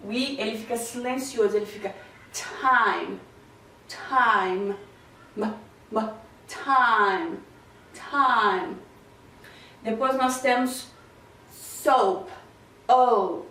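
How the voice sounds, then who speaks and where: A woman teaching English vowel sounds, repeating each word slowly to drill the pronunciation. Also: on the high side. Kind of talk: slow classroom-style vowel lesson. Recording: roomy echo, voice a bit far from the mic.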